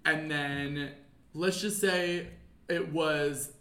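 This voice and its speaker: A man in his thirties from Kentucky chats casually as a podcast guest, telling stories in a meandering way full of ums and likes. His voice sits a bit high for a man, and the room around him is echoey. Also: steady tone, drawn-out words, a bit bright. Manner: rambling, hedging with fillers. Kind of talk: casual chat.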